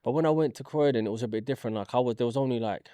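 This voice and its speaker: A man's voice: medium pitch, very fast, mellow, dry recording. A man from London with a London accent, chatting casually as an interview guest and recalling his own life. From London, England. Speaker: interview guest, fitness content creator. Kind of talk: casual chat, personal recollection.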